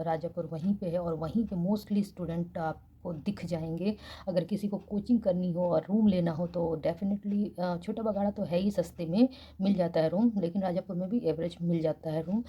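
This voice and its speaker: A young woman from India chatting casually in a late-night vlog, speaking softly so she won't wake her neighbours. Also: fairly low pitch, husky, muffled recording. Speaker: vlogger. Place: small rented room in a girls' hostel, at night.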